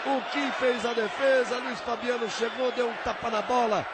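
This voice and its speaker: A Brazilian man calls football in a fast, dramatic style, his voice pushed very high as he shouts and stretches out goal calls. The crowd roars loudly through a very noisy broadcast recording. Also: fairly even intonation. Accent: Brazilian Portuguese. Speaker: football commentator. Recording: loud crowd roar, noisy old broadcast. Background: roaring stadium crowd.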